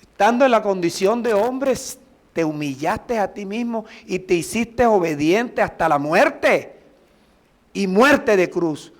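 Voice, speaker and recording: High-voiced preaching man. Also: animated. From Colombia. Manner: preaching with emphatic drawn-out phrases and prayers. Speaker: pastor. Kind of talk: sermon.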